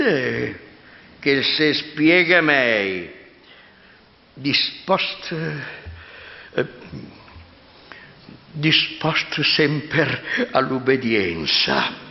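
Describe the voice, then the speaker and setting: A man's voice: medium pitch, big pitch swings, gravelly, full character voice. A man acting a fearful, deferential village priest in a stammering Milanese accent, in a theatrical dialect reading. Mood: servile, nervous. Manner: stammering, halting, repeating words. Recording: muffled, echoing hall.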